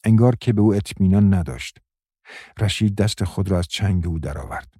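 A man reading a novel aloud in a steady, measured narration. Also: low-pitched, slightly rough, dry recording, clean studio sound. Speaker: audiobook narrator.

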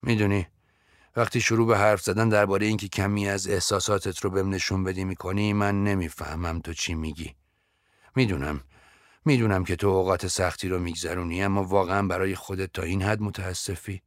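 A man voicing a breezy young man who talks offhand and teasing, in a very deep voice. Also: steady tone, no echo, clean studio sound, natural voice.

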